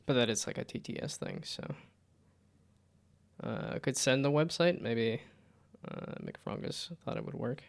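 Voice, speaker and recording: Creaky-voiced man rambling on a livestream. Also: mid-range voice, measured pace, long pauses. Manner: rambling, often trails off mid-thought. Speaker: livestreamer host. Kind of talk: casual livestream chat while playing games.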